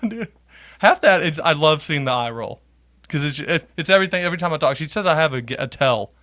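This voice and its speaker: A man's voice: a little high, lively intonation, brisk, bright, forceful tone, dry recording. Joking young man co-hosting sports chat. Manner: joking, easygoing, reads fan comments aloud. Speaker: co-host of a college sports show.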